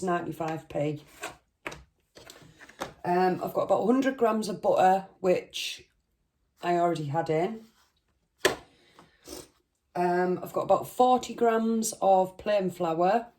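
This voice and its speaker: Slow, poorly-sounding British woman with sore throat. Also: lowish voice, mellow, a little hiss or hum. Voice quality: strained, under-the-weather voice. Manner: hesitant, rambling, informal. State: sore throat and congested chest, short of breath. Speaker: cooking channel host. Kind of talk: casual chat to viewers.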